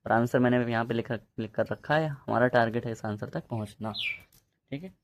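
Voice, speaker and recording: A man's voice: mid-range voice, a little fast, background noise. A man teaching a physics lesson in a casual, chatty way, often checking in with his students. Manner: chatty, addresses students as bhai, repeats ok.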